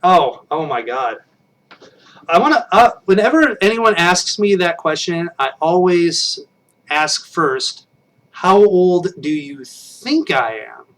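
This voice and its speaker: Speaking slowly but with great animation, a man in his late thirties chats with his live stream viewers in a fairly high, fairly bright voice. The webcam recording is low quality and far from the mic, and his talk rambles, self-deprecating and full of restarts.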